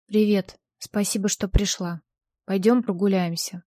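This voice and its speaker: A woman's voice: mid-range voice, steady tone, a little slow, mellow, no room sound, studio quality, natural voice. A woman voicing a jealous, vengeful young man in an audiobook, speaking in a cold, mocking way. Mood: menacing.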